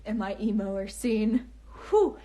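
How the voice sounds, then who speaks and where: A woman's voice: medium pitch, measured pace, dark tone. A young woman chatting on a casual livestream from home, talking in a nervous valley-girl way with lots of fillers and restarts. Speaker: author livestreaming to fans. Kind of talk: casual livestream chat, reading comments. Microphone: phone.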